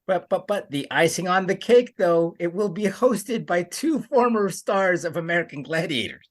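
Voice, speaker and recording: Husky, lively male podcast riffer. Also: sits high, moderate pace. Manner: animated, giggly riffing. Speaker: podcast co-host. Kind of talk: casual podcast chat.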